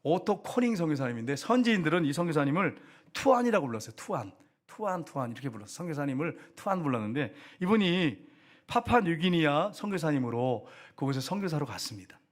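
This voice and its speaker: A male pastor preaching in a lively storytelling way, voice pitched a little high and swinging widely up and down. He acts out the people in his story and keeps questioning the congregation. His voice jumps up sharply when he retells someone's anger. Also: quick pace. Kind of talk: storytelling sermon. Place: church sanctuary.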